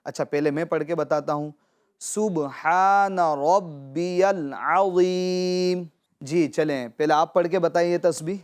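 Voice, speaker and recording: A man's voice: on the high side, level tone, few pauses, a little mellow. A man teaching children Quran pronunciation, patiently repeating and drawing out words to model them. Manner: addresses viewers as dear children. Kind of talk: children's tajweed lesson.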